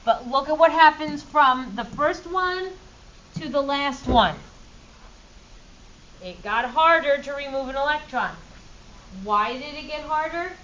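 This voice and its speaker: High-voiced upbeat woman teaching class. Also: expressive, a little slow, pauses often, a bit bright, lo-fi sound, slight background noise. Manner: upbeat, playful teacher quizzing students. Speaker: chemistry teacher. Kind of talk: classroom lecture.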